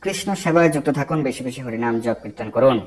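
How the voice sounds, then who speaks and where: A man giving devotional ritual instruction in a firm, teaching manner, slowing down to chant Sanskrit mantras in a measured way. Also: medium pitch, a little mellow. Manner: firm, didactic and prescriptive. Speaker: Vaishnava religious instructor.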